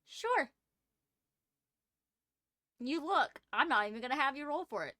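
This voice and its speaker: A woman running a tabletop role-playing game as game master, narrating and answering players in an animated, conversational way. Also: high-pitched, measured pace, dry recording, studio quality.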